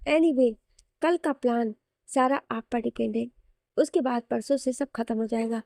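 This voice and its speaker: A woman voicing a warm, joking young man who speaks respectfully to his sister-in-law. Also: very high voice, normal speed, creaky, no echo, studio quality. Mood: affectionate. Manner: affectionate, joking.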